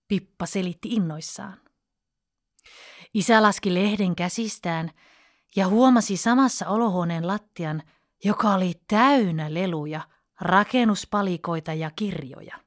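A woman telling a children's fairy tale in an expressive, storybook way. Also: lowish voice, no room sound, clean studio sound. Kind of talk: children's bedtime story reading.

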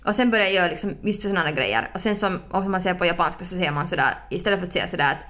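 A young woman co-hosting a podcast in casual, playful chat, full of fillers and quick asides. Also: fairly low pitch, lively intonation, a bit bright. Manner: chatty, filler-heavy, playful. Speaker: podcast co-host.

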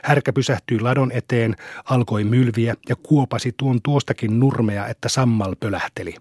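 Male audiobook reader telling an old story, calm and even, very dry close sound. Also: medium pitch, husky, dry recording. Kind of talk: scripted narration of a classic novel.

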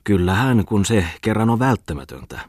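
A man voicing a self-satisfied respectable gentleman who answers defensively. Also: on the low side, very animated, dry recording, clean studio sound, voice pushed up.

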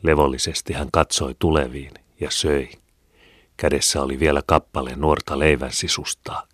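A man calmly narrating an audiobook in a measured reading voice. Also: rumbling low, husky, no room sound, clean studio sound. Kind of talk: scripted narration.

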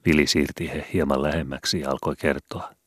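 A man reading a youth novel aloud in a calm, low-key narrating voice. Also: slightly rough, dry recording, studio quality. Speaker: audiobook reader.

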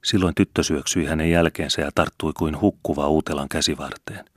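An audiobook narrator, a man, reads a classic novel in a measured, earnest way. His voice is extremely deep, and the recording is dry and close, with no room sound. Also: fairly even intonation, dry recording. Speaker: audiobook reader.

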